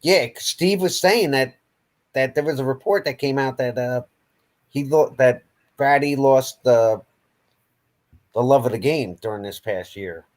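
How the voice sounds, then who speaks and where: A man's voice: mid-range voice, a little slow, pauses often. Regular-voiced guy on a hockey podcast, laid back, tossing out prospect names with ums. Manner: easygoing, listing prospects with hesitations. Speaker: podcast co-host. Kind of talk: casual hockey chat.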